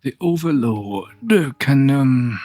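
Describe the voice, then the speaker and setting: A man playing in a tabletop fantasy game, improvising in character with halting, deliberate delivery. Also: mid-range voice, lively intonation, dark tone, no echo. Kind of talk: improvised in-character role-play.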